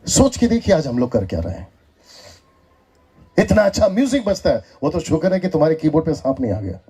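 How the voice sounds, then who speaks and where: A man with an Indian accent giving a lively sermon in a church hall, teasing the crowd and calling for answers back. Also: fairly high pitch, a little fast, husky. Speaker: preacher. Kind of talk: sermon with call-and-response.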